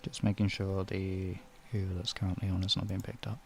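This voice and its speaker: A live streamer hosts casually, muttering to his viewers in broken-up, distracted phrases while he sets things up. His low, creaky voice has little pitch movement and a brisk pace, with faint music behind him.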